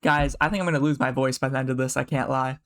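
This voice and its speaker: A young man streaming from his bedroom, chatting casually and quickly, rambling with lots of fillers and swearing. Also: medium pitch, fairly even intonation, a bit bright. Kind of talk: casual live-stream chat.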